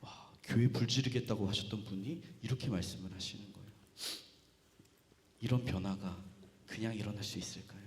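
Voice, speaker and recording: A man's voice: lowish voice, brisk, a little mellow, in a large hall. A male youth pastor preaching to teenagers in a casual, storytelling way, addressing them directly. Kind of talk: youth sermon. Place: church hall.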